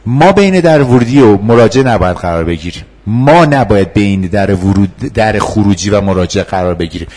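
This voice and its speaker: A man's voice: fairly low pitch, animated, hardly any pauses, a little mellow, slight background noise. A man teaching a class in a conversational way, often laughing and acting out how to answer upset students. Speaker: instructor. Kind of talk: classroom lecture with role-play.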